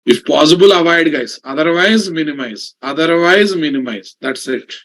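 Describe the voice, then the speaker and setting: A man's voice: a little high, animated, normal speed, fairly bright tone, rough recording. A man with a Telugu Indian English accent teaching a programming class, dictating in repeated phrases and checking in with questions. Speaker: programming instructor. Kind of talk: live lecture with slow dictation and repetition.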